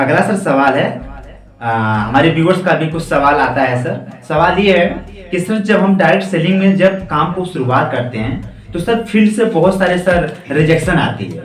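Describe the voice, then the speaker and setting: A man's voice: on the high side, animated, moderate pace, recorded from a distance. A man interviewing a guest, deferential and adding "sir" to almost every phrase. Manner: deferential, says sir constantly. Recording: echoey room, voice from afar, faint music.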